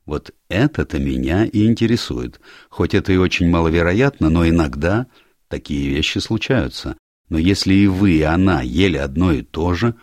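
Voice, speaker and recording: A man reading an audiobook, voicing a calm country doctor who questions in a measured, deliberate way. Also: low voice, no echo, studio quality. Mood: probing.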